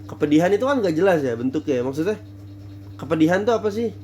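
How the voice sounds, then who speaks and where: A man's voice: on the high side, expressive, quick pace, mellow, slight background noise. A man giving a casual theater lecture, thinking aloud with many fillers and restarts.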